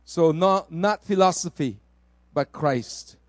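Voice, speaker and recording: A man from El Salvador preaching a sermon, rising to loud exclamations and dropping soft for personal testimony. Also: on the high side, slow pace, no echo.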